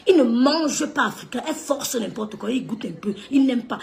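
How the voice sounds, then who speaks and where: A woman's voice: fairly high pitch, expressive, normal speed, vocal fry, a little mellow, slight background noise. A woman ranting on a live stream, scolding someone, repeating herself and laughing mid-sentence. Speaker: social media live streamer. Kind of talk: heated live-stream rant.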